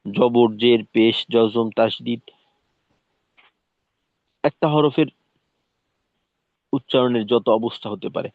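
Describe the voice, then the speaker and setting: Male tajweed teacher, slow and deliberate, syllable-by-syllable drills, thin phone-like dry audio. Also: mid-range voice, gravelly, no echo. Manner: slow, demonstrates letter sounds syllable by syllable. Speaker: Quran recitation teacher. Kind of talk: recorded lesson. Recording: tinny phone-like dry sound.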